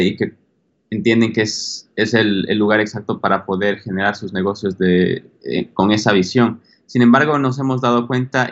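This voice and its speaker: A man's voice: lowish voice, dull audio. A man from Ecuador, a business consultant, answering interview questions hesitantly, with many fillers and restarts.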